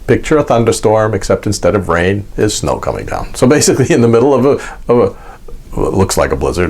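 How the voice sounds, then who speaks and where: An American man giving an informal, unscripted explanation in a halting, folksy way, repeating words as he goes. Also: on the low side, darkish tone, slightly rough. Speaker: host of an explainer vlog.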